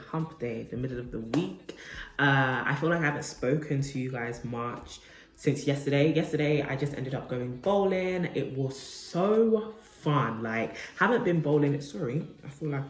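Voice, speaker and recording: A young woman chatting casually to the camera for her vlog, rambling and correcting herself with lots of fillers, recorded at home. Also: extremely low pitch. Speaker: vlogger. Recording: roomy, distant, faint background noise.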